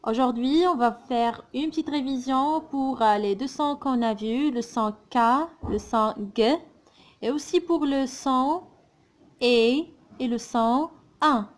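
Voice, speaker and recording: A woman teaching a children's phonics lesson, slowly and patiently spelling out sounds and syllables. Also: sits high.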